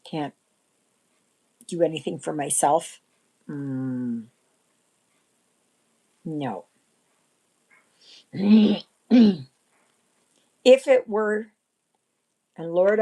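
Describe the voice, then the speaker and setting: A woman in her sixties hosting a casual livestream chat, rambling and often clearing her throat. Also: fairly low pitch, mellow, rough recording. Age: 60s. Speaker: livestream host.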